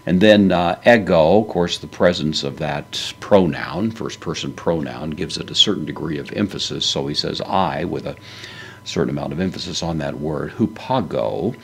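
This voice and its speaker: A man's voice: rumbling low, normal speed, creaky, a little hiss or hum. A man teaching a Bible lesson, working through a Greek verse word by word in a methodical way with frequent fillers.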